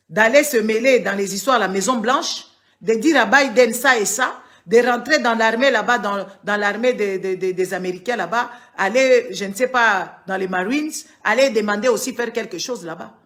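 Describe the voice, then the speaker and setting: A woman from the Democratic Republic of the Congo gives political commentary on a live stream, lecturing and scolding her viewers with emphasis and repeating words for force. Her voice is a little high and somewhat bright.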